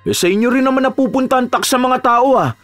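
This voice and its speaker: Brief: actor voicing a young male student, high-pitched, respectful but hot-tempered. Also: fast talker, a bit bright, faint music behind. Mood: indignant. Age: young adult. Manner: pleading, then indignant and cutting.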